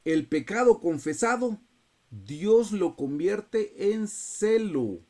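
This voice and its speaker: A man's voice: high voice, big pitch swings, takes it slowly, warm tone. Earnest man teaching over video call. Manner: earnest, repeatedly addresses listeners as brothers. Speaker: Bible study teacher.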